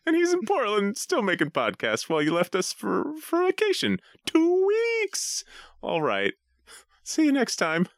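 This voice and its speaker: A man putting on a high, dim-witted voice to play a goofy, slow-witted adult man. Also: wildly swooping pitch, no echo, clean studio sound, heavily acted. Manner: high, strained, dim-sounding delivery.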